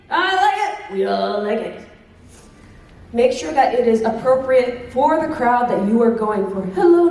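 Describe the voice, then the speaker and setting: A young woman in her twenties with a high voice teases her audience through a convention workshop talk and calls them babes. She stands far from the microphone. The room around her is very echoey. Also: mellow, a little hiss or hum. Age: 20s. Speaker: cosplay guest and workshop presenter.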